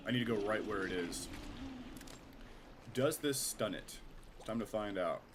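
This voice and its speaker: A man's voice: on the low side, animated, measured pace. A man streaming a game with casual live commentary, chatty and self-mocking with some swearing, his voice nasal and his throat scratchy from a cold.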